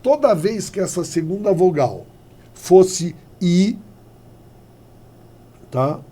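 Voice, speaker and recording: Animated husky male teacher lecturing. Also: high-pitched, slow pace. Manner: lively, animated, acts out little dialogues. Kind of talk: classroom grammar lecture.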